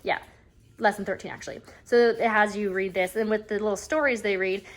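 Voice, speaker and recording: A woman's voice: mid-range voice, fairly even intonation, a little fast. A woman, a homeschooling mother, chatting casually at home about a reading curriculum, rambling and often saying "anyways.". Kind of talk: casual chat review. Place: at home at a table. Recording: faint background noise and clicks.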